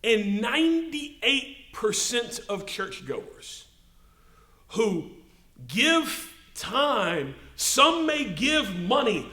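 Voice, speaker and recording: A pastor preaching a sermon, swelling to emphatic peaks and slowing to stress key words. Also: male voice, very high-pitched, sing-song, sharp tone, roomy sound. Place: church sanctuary.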